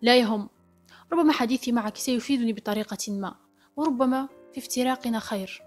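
A woman's voice: a little high, fast, faint music behind, close to an everyday voice. A woman voicing a proud, sarcastic young male doctor. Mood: composed. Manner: curt and mocking.

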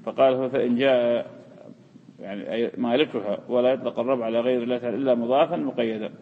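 A man lectures at a brisk clip, explaining each term and repeating the important words for his students. His voice is rough and gravelly. The recording sounds muffled and lo-fi, with a long hall reverb behind it. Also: medium pitch, steady tone, a little hiss or hum. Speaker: hadith teacher. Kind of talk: classroom lecture.

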